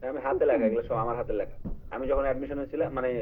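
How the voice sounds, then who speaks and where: A man's voice: medium pitch, steady tone, racing, a little hiss or hum. A man teaching an English writing class online, explaining grammar and quizzing his students while mixing in English terms. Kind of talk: live online class lecture. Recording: tinny phone-like line.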